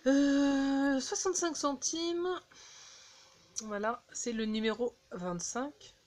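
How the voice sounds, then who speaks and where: A woman casually chatting through a beauty haul, halting with fillers and restarts, recorded on a phone indoors. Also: high voice, darkish tone. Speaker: beauty vlogger.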